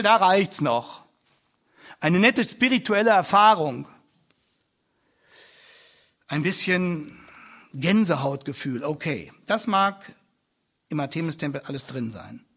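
A man's voice: a little high, lively intonation, unhurried, long pauses, a bit bright. A man preaching a sermon as a pastor, emphatic and building his points through repeated phrases.

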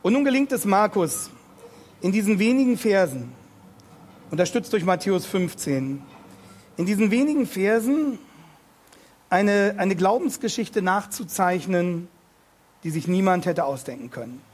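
Guy preaching a sermon, kinda husky voice, pitched a bit high, leans hard on key words and asks the congregation questions. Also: big pitch swings, a little mellow. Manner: emphatic, slows down and repeats key words; addresses the listeners directly with questions. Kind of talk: sermon expounding a Bible passage.

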